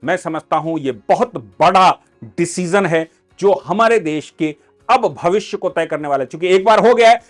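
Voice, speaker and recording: A man giving emphatic explanatory commentary on a court ruling, as a legal educator, posing rhetorical questions. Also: sits high.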